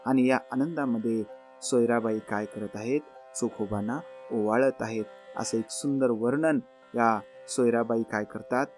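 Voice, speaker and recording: Man, lecturer, mid-pitched voice, slow dramatic verse recitation, faint music underneath. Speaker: podcast host, lecturer on saint poetry. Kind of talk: explanatory talk with recited verses.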